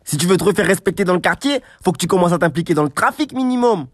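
Scheming young hustler, as a man plays him, boastful, wheedling, slightly high voice. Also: lively intonation, fast, no echo. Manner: boastful, wheedling street slang. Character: scheming streetwise young man called the rat. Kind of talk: comedy sketch acting.

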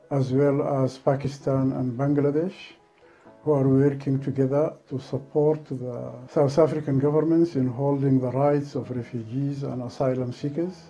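An older man, an organization chairman, giving a formal, measured statement in a studio. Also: medium pitch, mellow, rough recording. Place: studio with patterned backdrop.

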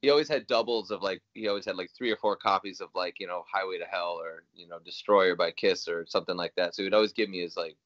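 A young man from Iowa, a guest musician, rambles casually on a video call from a small room at home, full of fillers and restarts. His deep voice is fairly bright and fast, with hardly any pauses, and the webcam mic gives no echo but cuts off the highs.

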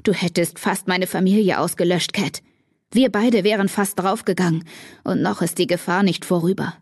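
A woman voicing an intense young man who is protective and angry, speaking low and curt. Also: fairly even intonation, normal speed, husky, dry recording, studio quality.

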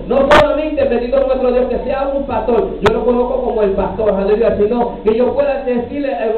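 Preaching his testimony at the pulpit, a middle-aged, New York-born Puerto Rican pastor speaks fervently in a very high voice, mixing hallelujahs and bits of English into his Spanish during a Pentecostal sermon. The church recording, made on a handheld mic from far back, sounds distant, echoey and tinny with a little hiss or hum.

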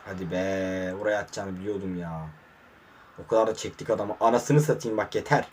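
A man commentating his own mobile football match, muttering in frustration and breaking into sudden excited outbursts, hot and sweating in a warm room. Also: deep voice, brisk, a little hiss or hum. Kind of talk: casual live gameplay commentary.

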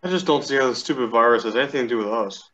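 A man's voice: medium pitch, very fast, muffled recording, natural voice. A young man acting a frustrated teenage theatre student who complains about a cancelled show. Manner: complaining, lively. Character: frustrated teenage boy actor.

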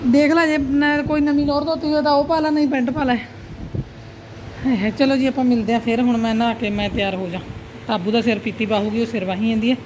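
High-pitched dramatic aunty vlogger. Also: female voice, little pitch movement, quick pace, darkish tone. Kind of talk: casual family vlog chat. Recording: noisy, with vehicle-like background rumble.

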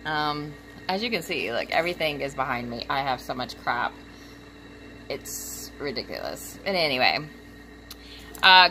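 A young woman vlogging from her room, gushing with excitement, giggling, squealing and filling her talk with "like" and "um". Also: low voice, noisy background. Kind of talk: excited unboxing vlog. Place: home room.

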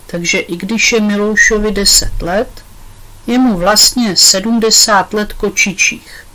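A woman's voice: medium pitch, fairly even intonation, pushed and bright, close to an everyday voice, low-quality recording. A woman reading as an earnest schoolboy. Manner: earnest, explaining. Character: earnest schoolboy giving a class report.

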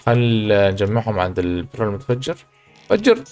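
A man, hosting a gaming channel, chatting through his gameplay and breaking into excited exclamations. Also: mid-range voice, fast talker, soft background music. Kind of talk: let's play commentary.

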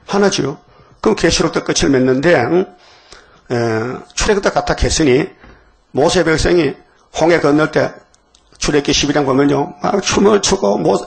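A man's voice: a little high, creaky. A male pastor preaching a dawn sermon, questioning the congregation and acting out biblical voices.

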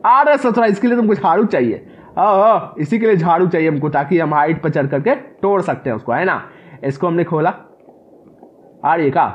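Guy freaking out over a horror game, yells at the characters, kinda muffled cheap mic. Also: high-pitched. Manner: excitable, yelps and repeats words in panic; talks back to the game characters. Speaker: gaming commentator. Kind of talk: comic horror gameplay commentary.

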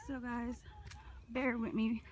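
A woman's voice: fairly high pitch, little pitch movement, slow, a little hiss or hum. A woman in her thirties, a mother vlogging on a phone while walking a wooded park trail, chatting cheerfully to her viewers. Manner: chatty and upbeat, talking straight to viewers. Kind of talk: casual vlog narration. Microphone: phone held while walking.

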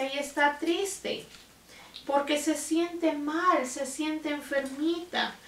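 A woman with a high voice tells a Bible story to small children, slow and gentle, in a sing-song tone with little questions along the way. She sounds a little far from the microphone, in a room with echo. Faint noise can be heard behind her. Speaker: children's Bible class teacher. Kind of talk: slow, simple storytelling for toddlers.

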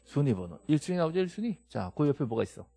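Husky gravelly guy lecturing a class, teasing the students, lots of rhetorical questions. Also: a little high, very fast. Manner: animated, scolding and joking with students, rhetorical questions. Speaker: real estate law instructor.

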